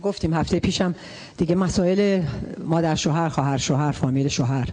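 A woman's voice: sits low, warm tone. A woman co-preaching a sermon from a church pulpit, chatty and answering with amens and hallelujahs. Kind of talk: sermon with call-and-response.

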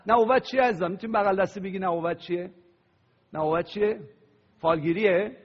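A pastor preaching a sermon, praying aloud and leading the congregation in call-and-response. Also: male voice, high voice. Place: church hall. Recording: dull lo-fi sound with long hall reverb.

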